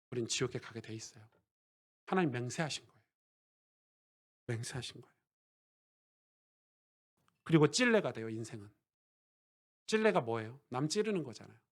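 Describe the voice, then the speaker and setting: Male pastor, high-pitched, conversational sermon delivery with sudden emphatic swells. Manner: swings from quiet asides to loud emphatic preaching; conversational, asks the congregation questions.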